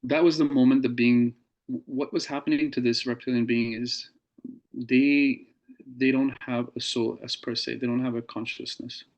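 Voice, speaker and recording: A man as an interview guest, recounting a personal experience in a measured, earnest way with pauses. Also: mid-range voice, little pitch movement, lo-fi sound.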